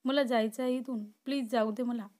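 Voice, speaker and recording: A woman's voice: a little high, fairly even intonation, normal speed, darkish tone, lightly acted. A woman voicing a frightened young woman held captive, tearful and pleading yet defiant, in a storybook reading.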